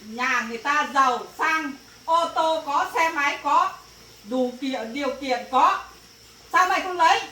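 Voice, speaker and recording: A woman's voice: high voice, a little slow. A woman acting as an angry rural mother who scolds her daughter, in a family drama. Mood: scolding. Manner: scolding, shouting bursts. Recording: echoey, from far off, faint noise.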